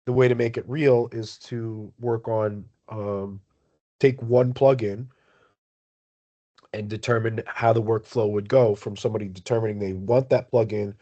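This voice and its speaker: Mellow-voiced man explaining on a video call. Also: fairly low pitch, highs cut off. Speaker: project maintainer leading a community meeting. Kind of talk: explaining in an online work meeting.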